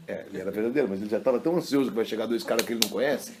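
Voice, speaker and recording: A man, a rabbi giving a casual religious lesson and telling stories in an animated, colloquial way. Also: fairly low pitch, rapid-fire, a crowd in the background. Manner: animated, colloquial storyteller, acting out quotes. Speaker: rabbi teaching a class.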